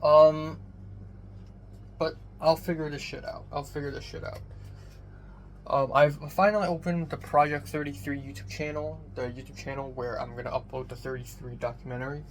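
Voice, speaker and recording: A young man rambling through a casual personal vlog, swearing casually, his voice thin with no bass on a phone microphone. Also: level tone, normal speed. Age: young adult. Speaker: vlogger. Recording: thin bassless phone mic, background noise.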